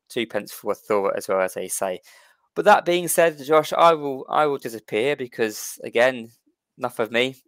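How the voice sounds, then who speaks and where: A man's voice: on the low side, gravelly, fairly bright tone, no room sound. A man hosting an online history talk, chatty, often repeating words and restarting as he welcomes people. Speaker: host.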